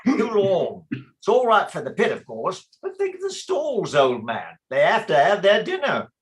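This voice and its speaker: A man's voice: high-pitched, wildly swooping pitch, a little slow, full character voice. A man playing a blunt, argumentative, practical theatre man in a stage play reading, blustering as he talks. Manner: blustering, interrupting.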